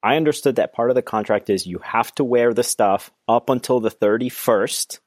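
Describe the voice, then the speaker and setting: A man co-hosting a casual podcast chat, talking in a relaxed, conversational way that often trails off mid-thought. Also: mid-range voice, moderate pace, dry recording, studio quality. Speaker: podcast co-host.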